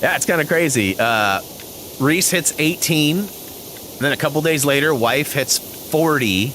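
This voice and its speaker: A man's voice: a little high, expressive, a little slow, sharp tone, a little hiss or hum, poor audio. A man in his forties chatting casually over gameplay as a channel host, rambling with many fillers and frequent chuckles. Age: 40s.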